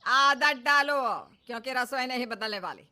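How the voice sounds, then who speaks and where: A woman's voice: high voice, normal speed, clean tone. A woman voicing a stubborn, scolding old mother-in-law in a cartoon story. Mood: dismissive. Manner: scolding, sharp retorts. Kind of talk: cartoon dub.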